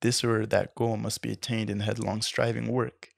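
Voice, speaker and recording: A man's voice: lowish voice, flat delivery, moderate pace, creaky, no echo, studio quality. A man reading a book passage aloud in a lecture, often stumbling over words and correcting himself.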